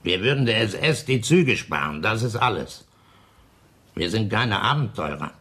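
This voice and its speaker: An actor playing a grave middle-aged committee leader in a radio drama, speaking in a husky, earnest, formal manner. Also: male voice, fairly low pitch, big pitch swings, moderate pace, a bit bright, full character voice. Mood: urgent. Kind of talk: 1960s-style radio drama acting.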